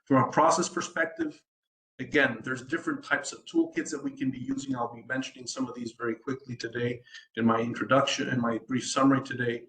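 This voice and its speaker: A man's voice: mid-range voice, steady tone, fairly quick, a bit bright, roomy sound, poor audio. A man from the United States, a sustainability design consultant, giving a presentation at an online event, hesitant with many ums and restarts and a habit of asking "right?".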